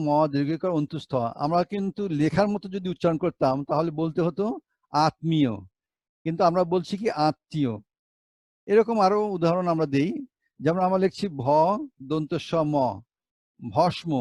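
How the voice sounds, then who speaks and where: Slow explaining Bengali teacher, man. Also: fairly high pitch, a little mellow, no echo. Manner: spells words out letter by letter, rhetorical questions. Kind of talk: Bengali pronunciation lesson.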